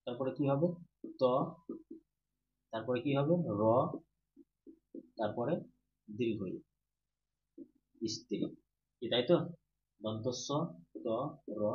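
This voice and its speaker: A man teaching a grammar lesson with a mellow, dark voice. He keeps asking questions and then answers them himself, repeating each term slowly. The sound is roomy and a little dull, with a faint hum behind it. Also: medium pitch. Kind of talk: Bengali grammar lesson for students.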